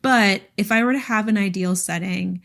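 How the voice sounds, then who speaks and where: Co-hosting a podcast, a woman chats casually about books in a medium-pitched, gravelly, slightly bright voice at normal speed. She's informal and animated, dropping filler words and giggling easily.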